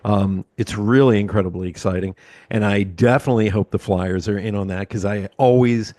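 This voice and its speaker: A man's voice: lowish voice, fairly even intonation, fairly quick, dark tone, dry recording. A man in his sixties from Pennsylvania hosts a casual interview, rambling with lots of ums and uhs. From Pennsylvania, USA. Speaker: podcast host.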